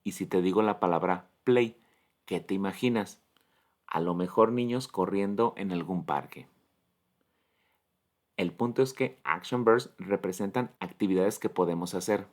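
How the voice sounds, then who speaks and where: Man, English teacher, low voice, very slow, deliberate explanations. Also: darkish tone. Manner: slow, deliberate, spells out letters and models English words. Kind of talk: grammar lesson explanation.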